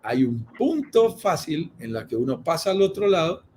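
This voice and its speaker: Lively man giving a motivational talk. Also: on the high side, moderate pace, a little hiss or hum. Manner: lively, acts out little quoted voices. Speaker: guest speaker. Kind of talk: motivational talk on a video call.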